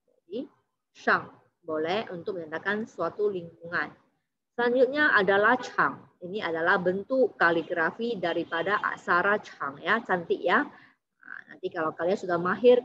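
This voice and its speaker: A woman teaching Mandarin vocabulary, saying example words slowly and carefully, then explaining them quickly with a frequent tag "ya". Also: medium pitch, pushed and bright. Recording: dull lo-fi recording with faint background noise.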